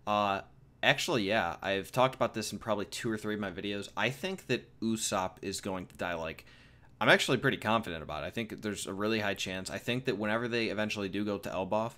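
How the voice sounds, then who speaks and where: A 21-year-old American man, his voice slightly bright and on the low side, rambles through viewer questions in a casual vlog. The Q&A is jokey and loose, packed with fillers and repeats.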